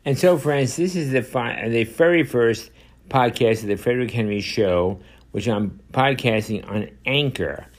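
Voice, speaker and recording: A man's voice: mid-range voice, unhurried. A man, hosting a solo podcast in a rambling monologue full of fillers and restarts. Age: 70s. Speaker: podcast host.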